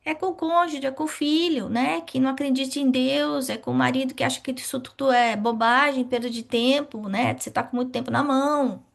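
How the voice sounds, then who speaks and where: A middle-aged woman teaching a spiritist study class, asking questions and answering them herself in a lively way. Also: sits high, a little fast, creaky, few pauses.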